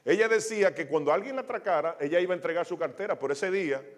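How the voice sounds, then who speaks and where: Male pastor, sermon storytelling, fairly high voice, restarts often. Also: expressive, fast talker. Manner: storytelling, acting out quotes, many restarts. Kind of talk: sermon with testimony.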